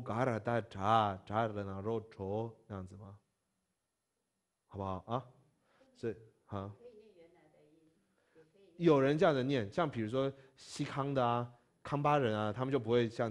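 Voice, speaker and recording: A man teaching a classroom language lesson. He spells out syllables slowly and often checks that his students follow. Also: medium pitch.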